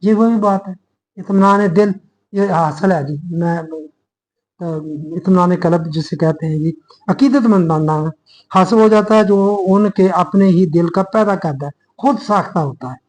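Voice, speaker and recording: A man with a Pakistani Urdu accent delivering an earnest, explanatory sermon-style lecture, addressing listeners as brothers and pausing to restart his thoughts as he reasons aloud. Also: sits high, a little mellow, rough recording. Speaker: religious speaker.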